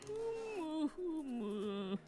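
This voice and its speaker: A man playing an old fortune teller in an audio drama, giving a mystical horoscope reading in cryptic, drawn-out pronouncements. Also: high-pitched, expressive, warm tone. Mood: mystical, ominous.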